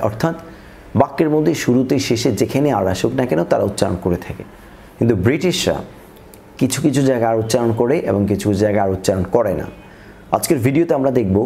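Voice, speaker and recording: A man's voice: medium pitch, creaky, mellow. A man with a Bangladeshi accent teaching English pronunciation in a methodical way, saying each example word twice. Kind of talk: scripted lesson narration.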